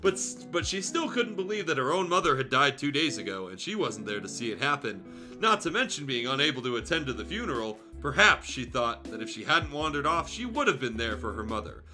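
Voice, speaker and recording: Streaming a fan fiction reading, a man narrates the story with crude, joking, sweary asides in a casual, irreverent way. His medium-pitched voice is very animated and brisk, with music behind it.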